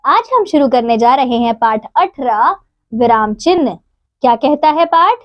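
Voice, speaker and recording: A woman teaching a grammar lesson to children, reading out examples slowly and clearly. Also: high voice, lively intonation, dull audio.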